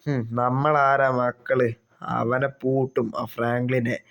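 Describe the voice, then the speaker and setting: A man voicing crooked male police officers plotting in low, conspiratorial tones in a game role-play. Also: level tone, takes it slowly, fairly bright tone, smooth. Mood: scheming.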